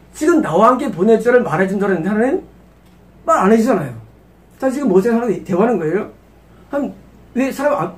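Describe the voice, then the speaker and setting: A man's voice: sits high, far from the mic. A man preaching an expository sermon as pastor. He asks rhetorical questions and acts out Moses and God.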